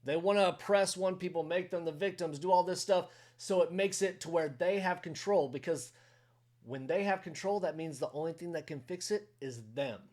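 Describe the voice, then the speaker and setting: A man's voice: high voice, moderate pace, a little mellow. Earnest middle-aged man reacting. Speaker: reaction channel host. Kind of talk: casual commentary.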